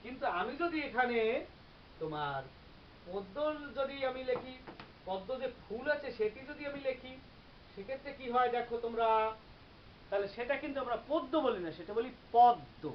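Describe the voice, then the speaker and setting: A teacher giving a grammar lecture, explaining step by step and repeating example words slowly. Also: mid-range voice, expressive. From Bangladesh. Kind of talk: classroom-style grammar lecture. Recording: slightly dull recording with faint hiss.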